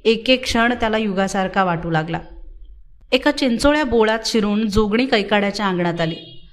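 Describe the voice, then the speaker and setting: Female audiobook narrator, dramatic novel reading, steady and expressive. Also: mid-range voice, normal speed.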